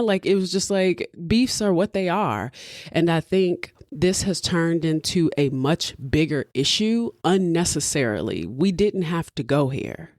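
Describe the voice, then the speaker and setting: A woman's voice: extremely low pitch, a little mellow, dry recording. Hungover American woman podcasting, dry sound. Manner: candid, conversational, digressive, swears casually. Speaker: podcast host. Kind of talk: casual solo podcast commentary.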